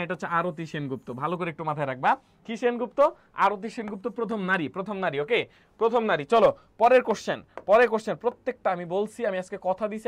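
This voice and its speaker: Brief: high-pitched male coaching teacher, jokey and repetitive, keeps quizzing students. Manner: playful, repeats key words and quizzes students. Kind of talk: admission test coaching lecture.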